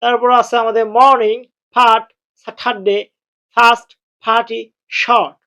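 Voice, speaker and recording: A man teaching English pronunciation, repeating phrases slowly and spelling words letter by letter. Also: very high-pitched, little pitch movement, bright, forceful tone. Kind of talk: spoken lesson. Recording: dull lo-fi recording.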